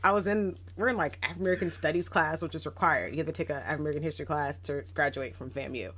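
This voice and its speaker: A woman in her thirties with a low voice tells stories from her own life on a casual podcast. She sounds reflective and livens up when she acts out what other people said. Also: very fast, a bit bright, a little hiss or hum. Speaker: guest educator.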